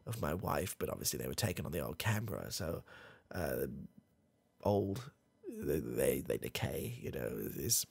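A young British man, face near the camera in a small dim room with coloured lights, plays a proud, bewildered old grandad who can't handle technology for a comedy ASMR piece. Speaking with a rumbling low, pushed-down, exaggerated voice, he is sing-song at normal speed, gravelly, a little mellow and breathy at the edges. He rambles and hesitates with many fillers and restarts, recorded close-miked without echo.

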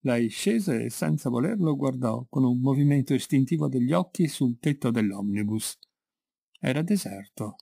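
A man with an Italian accent reading a classic short story in a measured, expressive way. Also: medium pitch, vocal fry, husky, no echo. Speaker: narrator. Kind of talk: literary audiobook reading.

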